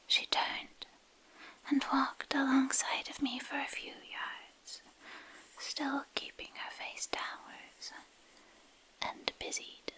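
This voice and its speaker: A woman reads a literary fantasy story as ASMR in a breathy, intimate whisper, hushed and pausing between short phrases, close to a binaural microphone. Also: sits high, rough recording. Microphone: close binaural microphone, ear to ear.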